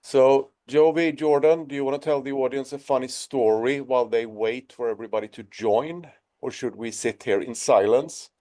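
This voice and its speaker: A man hosting a business webinar over a video call, chatty and self-deprecating in a relaxed way. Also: mid-range voice, normal speed. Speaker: webinar host.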